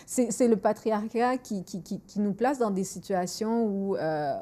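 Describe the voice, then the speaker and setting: A Montreal woman in her forties, speaking at a medium pitch and an unhurried pace, hosts a podcast with a Montreal French accent. She tells candid conversational stories in a lively way, moving freely between French and English and repeating words while she thinks.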